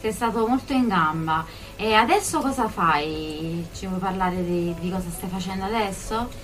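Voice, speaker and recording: A woman's voice: mid-range voice, moderate pace, fairly bright tone, faint music behind. A woman hosting a radio interview in a studio, prompting her guests in an encouraging way.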